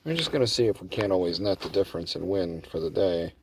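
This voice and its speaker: A man's voice: sits low, lively intonation, fast, recorded from a distance, background noise. A man talking casually from inside his parked car, cussing often and calling his viewers bro while commenting on his play. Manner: laid-back, swears often, calls viewers bro. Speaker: gambling strategy vlogger.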